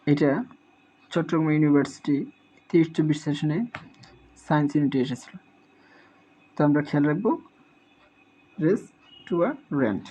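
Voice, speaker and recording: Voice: medium pitch, flat delivery, a little fast, pauses often, warm tone. A teacher giving a spelling lesson, sounding out each word syllable by syllable and repeating it several times. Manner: drills words by repeating them syllable by syllable. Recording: dull lo-fi recording.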